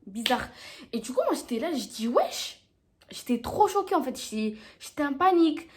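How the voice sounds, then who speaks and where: In a casual storytime vlog, a young woman recounts a dramatic story to the camera, animatedly acting out what people said. She has a high voice and speaks at a moderate pace.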